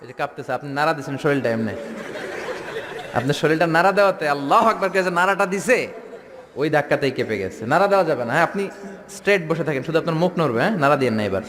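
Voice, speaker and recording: A man's voice: on the high side, expressive, fast, a bit bright, big-room sound, a faint crowd. A man from Bangladesh preaching a playful sermon to a large tent gathering, mimicking regional dialects and leading chants. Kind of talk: Islamic sermon to a crowd.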